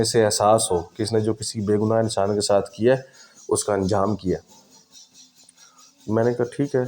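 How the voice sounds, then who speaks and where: A man telling a first-person spooky story in a dramatic, unhurried way, repeating phrases for effect. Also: on the low side, mellow.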